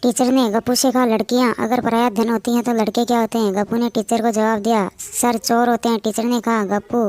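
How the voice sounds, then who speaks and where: A woman reads short jokes one after another in a fairly high voice. She keeps an even, level delivery through every quoted line. Clear background noise runs under the recording. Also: fairly quick. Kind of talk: reading jokes aloud.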